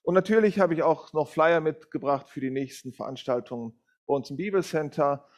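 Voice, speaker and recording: A middle-aged man gives a sermon in a fairly high voice. He talks loosely, stops on fillers and corrects himself as he goes. He speaks to the congregation in a direct, plain way. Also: fairly quick, a little mellow. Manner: informal, with many fillers and self-corrections. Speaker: guest preacher from a Bible school. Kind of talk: sermon with a read-aloud story.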